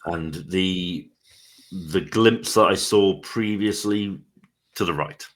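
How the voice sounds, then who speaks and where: A man with a low voice plays a tabletop game. He describes his character's moves in casual, conversational talk. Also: slow.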